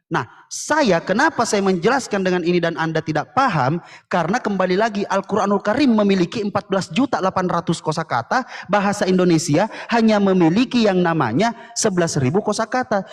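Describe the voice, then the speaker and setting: A man's voice: high voice, in a large hall. A man arguing in a debate, pressing his point with pointed rhetorical questions. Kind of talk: live debate argument.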